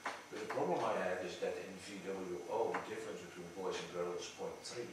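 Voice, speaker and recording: A man's voice: low-pitched, a little fast. A man questioning a candidate as a thesis examiner, probing and skeptical. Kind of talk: academic questioning. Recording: very echoey room, distant mic, clearly noisy.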